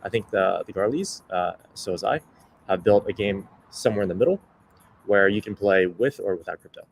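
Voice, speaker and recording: Man, game developer panelist, casual, very deep voice, faint background noise. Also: brisk, gravelly. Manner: casual, fillers like you know. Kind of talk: online panel discussion.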